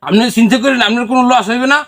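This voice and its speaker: Man acting high-voiced eager village son, Barisal dialect. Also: very fast, fairly bright tone, no echo. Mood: pleading. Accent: Barisal Bangladeshi Bengali. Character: gullible, eager village son obsessed with buried treasure.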